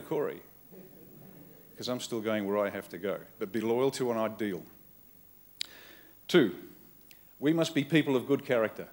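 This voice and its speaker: A middle-aged man with an Australian accent delivers a keynote from a conference hall stage, his mid-range voice carried by a podium microphone. He speaks in short, emphatic bursts and drives each point home by repeating it. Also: mid-range voice. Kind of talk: rousing political keynote speech. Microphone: podium microphone on a stand.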